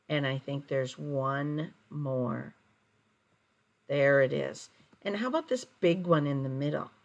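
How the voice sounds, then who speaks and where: A woman teaching young children like a kids show host, in simple phrases with prompting questions and deliberate, sing-song counting. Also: low voice, creaky, highs cut off. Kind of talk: early-grade counting lesson, addressed to children.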